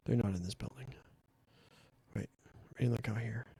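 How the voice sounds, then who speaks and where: A man streaming a game, chatting excitably and answering his chat with casual fillers. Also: medium pitch, moderate pace, vocal fry, husky, low-quality recording. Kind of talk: casual let's-play commentary.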